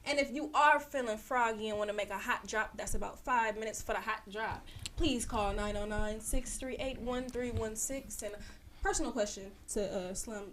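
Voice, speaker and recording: A woman's voice: on the high side, steady tone, moderate pace, fairly bright tone. A woman hosting a casual radio show, upbeat and chatty as she gives updates and reads out the call-in number. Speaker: radio host. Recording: faint background noise.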